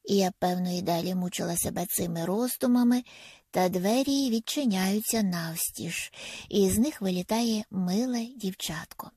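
Brief: female audiobook narrator, gravelly, intimate, half-whispered at times, medium pitch. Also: moderate pace, mellow, no echo, studio quality. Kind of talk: first-person audiobook narration.

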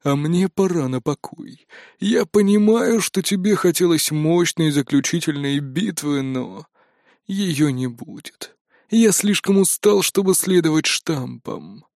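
A man voicing a tired, disillusioned male artificial intelligence who speaks slowly and flatly in an audiobook. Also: no room sound, studio quality. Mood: weary. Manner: slow, low and tired. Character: weary disillusioned male AI, cold and resigned.

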